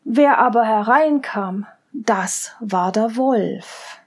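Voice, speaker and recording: A woman reading a fairy tale aloud, slow and deliberate, sometimes sinking to a whisper. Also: a little high. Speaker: storyteller.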